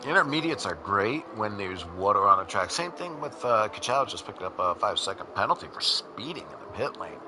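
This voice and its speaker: A man's voice: on the low side, sing-song, a little fast, few pauses. A man with a New York accent commentating a sim race casually, with lots of fillers and restarts. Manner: casual, rambling, many fillers. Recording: noisy with engine sounds behind. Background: racing car engines.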